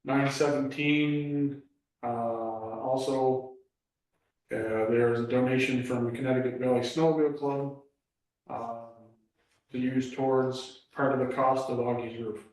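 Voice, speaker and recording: A man's voice: medium pitch, steady tone, darkish tone. Man reading figures in an echoey room. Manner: slow, halting reading of figures with many fillers. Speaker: club treasurer and trail master. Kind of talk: meeting report. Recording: echoey room, mic far off.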